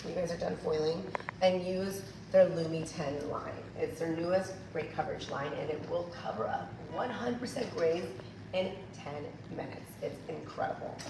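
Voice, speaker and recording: Her voice, lowish and creaky at a normal speed, is still recovering from having been lost as she, a hair colorist, walks "you guys" through a coloring technique. It's a chatty hands-on tutorial, recorded in an echoey room on a distant mic with noise.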